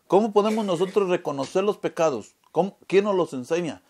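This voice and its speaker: Preacher with a higher voice. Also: male voice, animated, fairly quick, a little mellow. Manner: keeps asking the audience "¿verdad?"; asks questions and answers them himself. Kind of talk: sermon.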